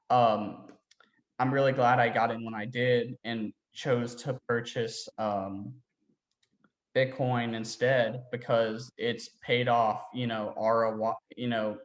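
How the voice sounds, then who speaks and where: A young man talking casually as an interview guest, rambling and filling his sentences with "like". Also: mid-range voice. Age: young adult. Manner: rambling, heavy use of "like" fillers. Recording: roomy echo.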